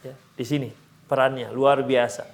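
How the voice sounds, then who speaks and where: A man's voice: medium pitch, flat delivery, moderate pace. Storytelling male preacher in a mosque. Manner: storytelling, mixing Arabic phrases into casual Indonesian; addresses the men in the audience directly. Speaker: Islamic preacher. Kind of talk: Islamic study lecture in a mosque.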